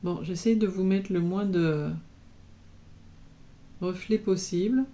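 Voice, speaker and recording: A woman's voice: lowish voice, takes it slowly, dark tone. A woman chatting casually as an embroidery vlogger, showing her projects and peppering her talk with little interjections. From France. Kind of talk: casual show-and-tell chat.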